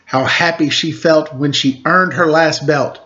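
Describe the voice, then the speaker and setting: This middle-aged storytime host reads picture books aloud and chats with kids in a playful, jokey style. His voice is fairly high, pushed and bright, with fairly even intonation and a slightly slow pace, recorded in dull lo-fi.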